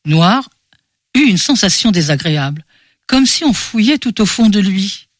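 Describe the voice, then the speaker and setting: A male narrator reads a historical novel in a measured, expressive manner. His voice sits high for a man. The recording is dry and close. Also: no echo. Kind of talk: scripted audiobook narration.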